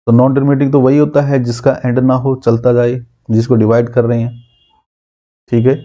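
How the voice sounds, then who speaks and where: Male math teacher, very dark tone, lo-fi audio, quizzes the class and drills terms. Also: medium pitch, little pitch movement. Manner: asks students questions and answers them himself; repeats key terms slowly.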